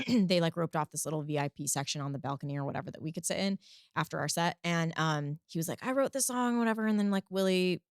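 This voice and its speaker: Chatty Texan woman, lowish voice, dry sound. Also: fast talker, smooth, no echo. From Texas. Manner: chatty, laughs easily, goes off on tangents. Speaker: podcast guest, singer-songwriter. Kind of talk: casual interview chat.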